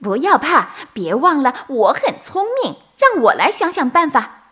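A woman's voice: high voice, sing-song, moderate pace, voice pushed up. A woman doing a clever little rabbit. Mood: confident. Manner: bright and self-assured.

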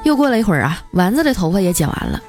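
A woman host telling scripted comic stories in a playful, lively way. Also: mid-range voice, racing, over music. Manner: lively, playful, often laughing through punchlines. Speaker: radio comedy host.

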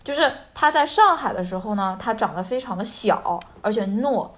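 A podcast host with a fairly high pitch and lively intonation leads a casual language-lesson chat at a moderate pace. She explains things and checks in with listeners as she goes.

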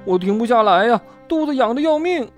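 A storyteller voicing Bengbeng, a young male rabbit who is easily scared and excitable. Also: medium pitch, fairly quick, soft background music, pitched above the performer's own voice, close to an everyday voice. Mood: panicked.

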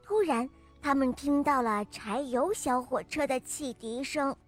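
A woman narrating a children's story about toy trains in a lively, friendly voice, as the show's regular storyteller. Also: high-pitched, measured pace, faint music behind.

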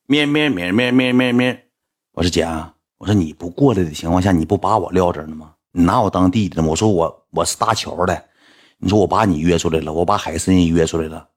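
Husky Northeastern Chinese man telling a story. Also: quick pace. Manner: animated, mocking, jumps into high-pitched rants. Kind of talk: casual anecdote storytelling.

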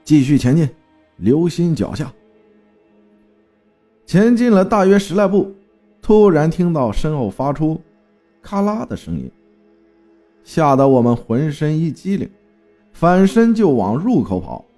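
A man's voice: on the high side, very animated, measured pace, dark tone, faint music behind. A man telling a first-person horror story with dramatic storytelling and terse spoken commands.

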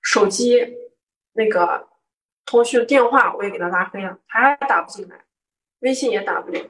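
A woman's voice: on the high side, moderate pace, fairly bright tone. A young woman from Guangzhou tells a personal story in casual chat, acting out the quoted lines of an argument with rising indignation. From Guangzhou, southern China. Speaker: guest telling a personal story. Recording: voice picked up from a distance.

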